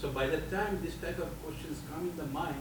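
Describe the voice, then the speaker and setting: Swami dude jumping in from far off the mic, echoey room, lots of background noise. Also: male voice, on the high side, brisk. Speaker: swami adding comments in Q&A. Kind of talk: spiritual Q&A talk. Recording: roomy, distant, noisy room recording.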